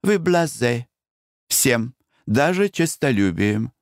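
A man's voice: mid-range voice, very animated, slow pace, no room sound, clean studio sound, pitched above the performer's own voice. A man voicing a spoiled, coquettish young woman who speaks in an arch, reproachful way.

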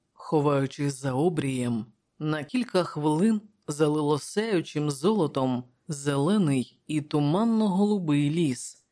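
An audiobook narrator reads an adventure novel aloud from a script, keeping the storytelling measured and even. The voice is mid-range.

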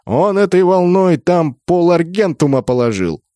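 A man's voice: high voice, lively intonation, a little slow, mellow, no room sound, clean studio sound, voice pushed up. A man voicing a wry young gamer companion in an audiobook. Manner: smirking, wry. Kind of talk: audiobook character voice.

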